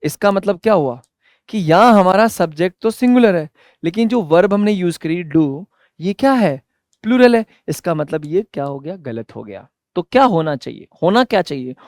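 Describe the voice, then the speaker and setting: A man teaching an English grammar lesson, loud and energetic, asking questions and answering them himself. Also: high voice, dry recording, studio quality. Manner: drills example sentences slowly word by word. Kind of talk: classroom lesson.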